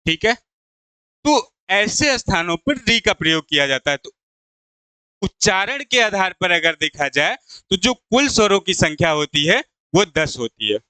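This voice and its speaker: A man teaching a Hindi exam-prep video lesson. He asks his viewers a question, answers it himself, and slowly repeats the key terms. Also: sits high, big pitch swings, bright, forceful tone, clean tone, no room sound. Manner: addresses viewers as "friends".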